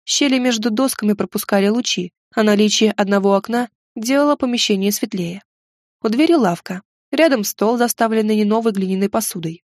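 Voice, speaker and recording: A woman's voice: mid-range voice, fairly quick, a little mellow, no echo, studio quality. A woman narrating a first-person fantasy audiobook in a wry, ironic storytelling manner.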